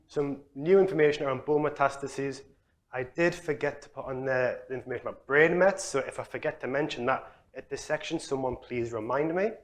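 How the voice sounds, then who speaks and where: A young man from Newcastle, giving a relaxed, chatty conference talk as a researcher. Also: mid-range voice. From Newcastle, England. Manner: relaxed, chatty, self-deprecating. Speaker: exercise physiology researcher. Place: conference hall.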